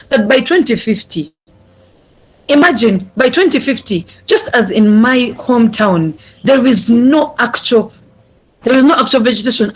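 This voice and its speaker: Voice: medium pitch, low-quality recording. A young adult speaker gives an earnest prepared speech over a video call, repeating phrases for emphasis. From Uganda. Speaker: youth speaker. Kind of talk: prepared speech at an online summit.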